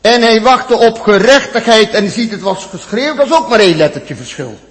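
A man preaching a sermon to his congregation, repeating phrases with emphasis, swinging from loud peaks to near-whispered drops. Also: high voice, animated, normal speed, big-room sound. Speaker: pastor.

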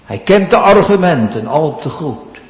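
Male pastor, measured sermon delivery, lively pitch; echoey church recording. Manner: preaching with dramatic pauses and rising emphasis.

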